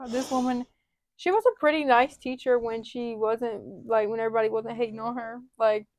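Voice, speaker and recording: A woman's voice: on the high side, fairly even intonation, normal speed, darkish tone, no echo. A teenage girl co-hosting a podcast, talking casually and hesitantly, filling with many "like"s. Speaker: podcast co-host. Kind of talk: casual chat.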